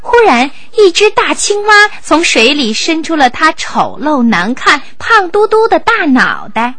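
A woman's voice: high-pitched, wildly swooping pitch, measured pace, a bit bright, no room sound. A woman narrating a scripted fairy tale for children as a storyteller.

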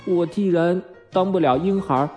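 A man's voice: high voice, moderate pace, mellow, faint music behind, voice pushed up, natural voice. A man voicing a humble, gloomy little boy who speaks meekly and downheartedly. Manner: meek, downcast.

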